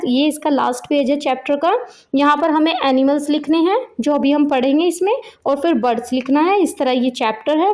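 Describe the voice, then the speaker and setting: Woman, high voice, teacher, patient step-by-step explanation. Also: a little mellow. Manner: slow, word-by-word pronunciation drills with Hindi glosses. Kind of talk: explaining a children's textbook lesson.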